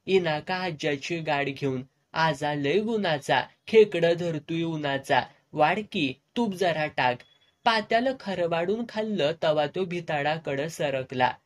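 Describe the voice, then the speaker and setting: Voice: medium pitch, measured pace. A narrator reading a serialized novel aloud in village dialect. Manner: rural dialect storytelling.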